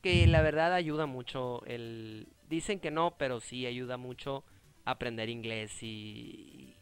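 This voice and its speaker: Seated indoors on a webcam call, this young Mexican-accented man chats through a video game with playful drama, throwing in exclamations and put-on voices. He talks slowly in a smooth, mid-range voice over soft background music.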